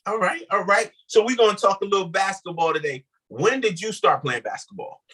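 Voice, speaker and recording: Upbeat guy hosting, kinda husky, bright voice, little music in the back. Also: high voice, expressive, brisk. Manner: upbeat, folksy. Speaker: podcast host. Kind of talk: casual interview hosting.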